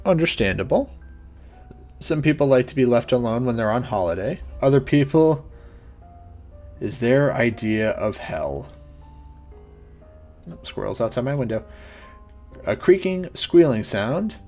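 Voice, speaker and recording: A man's voice: mid-range voice, expressive, a little slow, pauses often, a little mellow, faint music behind. Male streamer, mid-range voice, reads a visual novel live and jokes with his viewers. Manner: casual, joking asides to viewers. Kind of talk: reading a visual novel aloud live for chat.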